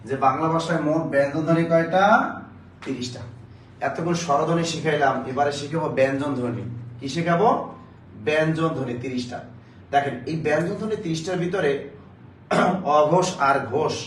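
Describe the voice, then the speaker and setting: A man teaching a live online Bangla grammar class, urging viewers to answer quickly and drilling facts through repeated questions. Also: on the high side. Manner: urgent, coaxing viewers to answer fast. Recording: roomy, distant mic, faint background noise.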